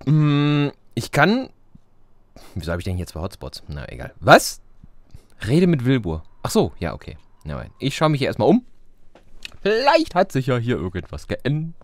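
Guy doing casual let's play commentary, mid pitch, pretty lively. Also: normal speed, no echo.

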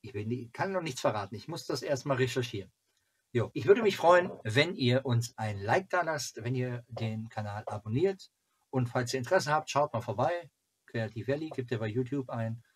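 Rambling and musing aloud, the host of a kids' TV fan club channel talks to his audience in a relaxed vlog. He speaks at medium pitch with a touch of huskiness, filmed on a webcam or camera held arm's length away in a cramped, cluttered home room.

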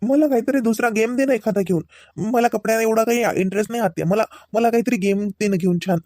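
A woman's voice: fairly high pitch, fast, warm tone, dry recording, studio quality, voice pushed up, lightly acted. A woman voicing a reluctant schoolboy nephew who pleads for a game in a comedy sketch. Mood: pleading.

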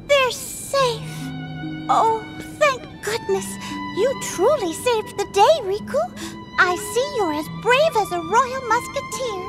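A woman voicing a sweet, earnest mouse princess with a squeaky, genteel way of speaking in a game cutscene. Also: expressive, slow pace, over music, full character voice. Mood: relieved, gracious. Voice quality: squeaky, high. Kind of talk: scripted video game cutscene acting.

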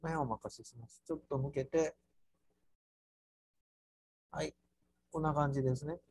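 A man with a Kansai accent teaching an architecture class through a software task, playful, with sound words and mock squeals. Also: on the high side, normal speed, slightly rough, dry recording. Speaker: architecture instructor.

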